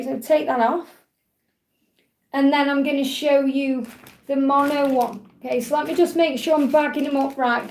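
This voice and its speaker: A woman in her forties hosts a livestream, chatting casually and upbeat while reading out viewer comments. Her voice is high and a little mellow, and the room is echoey.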